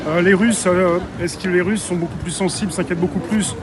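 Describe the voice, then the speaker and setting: A man's voice: high voice, fairly even intonation, a little fast, crowd noise. A man conducting an improvised street interview, putting tentative, meandering questions. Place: outdoors in a city street. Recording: noisy outdoor urban street.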